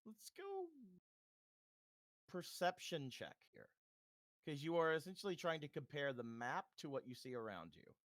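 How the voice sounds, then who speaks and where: A man running a tabletop game as game master, describing scenes in a relaxed, halting way. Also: on the high side, dry recording.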